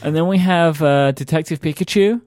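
A man's voice: a little high, brisk, darkish tone, no room sound. Rambling man on a dry podcast mic. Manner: rambling, filler-heavy, amused. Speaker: podcast co-host. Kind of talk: casual chat.

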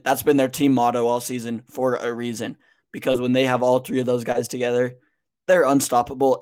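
Measured man weighing in with ums. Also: mid-range voice, darkish tone. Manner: measured, pauses with frequent ums. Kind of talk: casual sports chat.

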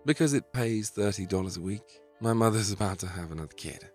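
A man's voice: lowish voice, brisk, darkish tone, faint music behind, natural voice. A man voicing a brash, cocky young working-class New Yorker, in a storybook reading. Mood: cheeky. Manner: cocky, wisecracking.

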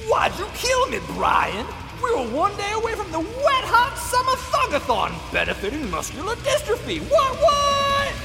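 A performer voicing a shrieking, creaky undead male morning-radio co-host in a radio comedy. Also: very high-pitched, wildly swooping pitch, normal speed, hardly any pauses, in a large hall, over loud music, heavily acted. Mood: anguished, manic.

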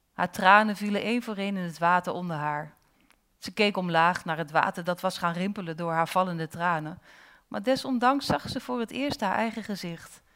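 A woman reading her own dark fairy tale aloud at a live event, expressive, with slow dramatic pauses. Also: mid-range voice. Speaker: storyteller and author.

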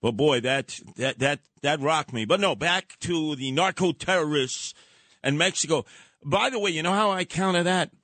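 A man's voice: fairly high pitch, normal speed, bright, forceful tone, no echo. A man doing opinionated radio banter as a commentator, emphatic and argumentative in his delivery.

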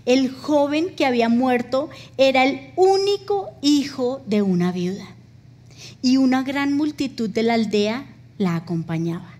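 A middle-aged woman with a high voice delivers a sermon. She tells stories with strong emotion and acts out the dialogue, her pitch rising and falling. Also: lively intonation, measured pace, darkish tone. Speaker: pastor.

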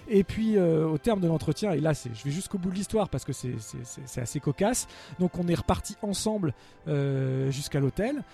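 On his film music podcast, a male host with a fairly high, creaky, dark-toned voice speaks at normal speed and expressively. His long story wanders casually, with plenty of fillers and false starts.

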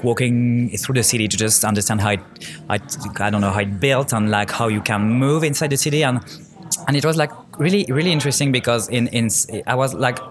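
A man from France with a French accent, answering interview questions hesitantly with many restarts. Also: mid-range voice. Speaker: guest, student. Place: outdoors in a city neighborhood. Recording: music playing clearly behind. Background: clear music.

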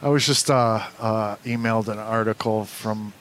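A man's voice: on the low side, steady tone, slight background noise. A man co-hosting a live show, talking casually with many fillers and restarts. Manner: casual, halting, lots of fillers. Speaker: co-host. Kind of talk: casual chat.

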